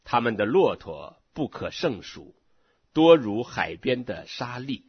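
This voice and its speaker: A man reading scripture aloud in a slow, measured way, from a dull lo-fi recording. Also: mid-range voice, very animated, slightly rough, dry recording. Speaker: scripture reader.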